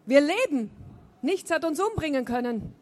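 A woman's voice: sits high, animated, normal speed, a little mellow, voice pushed up. A woman reading aloud and voicing an exuberant, boisterous man coming back home, laughing as he talks. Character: exuberant loud middle-aged man returning home.

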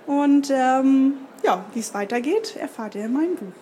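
A woman's voice: sits high, lively intonation, normal speed, mellow, a little hiss or hum. A woman author reading from her own fantasy novel at a live event, with occasional stumbles and self-corrections.

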